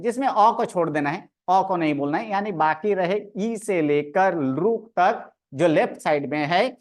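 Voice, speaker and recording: A woman teaching a grammar lecture, methodically counting aloud and drilling each sound one by one. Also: fairly low pitch. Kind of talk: online lecture.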